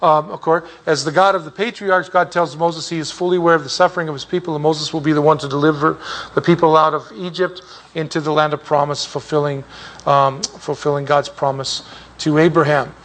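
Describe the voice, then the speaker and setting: A man's voice: a little high, steady tone, a little fast, fairly bright tone. A man teaching an informal Bible class, rambling off on side points and restarting his sentences often. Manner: rambling and digressive, with many restarts.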